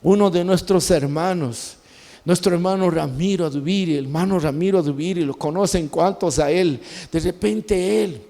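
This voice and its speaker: A man pastor tells his testimony as a sermon, his voice high and mellow. He slips into slow, pleading prayers. The sound carries the long reverb of a church hall. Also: vocal fry.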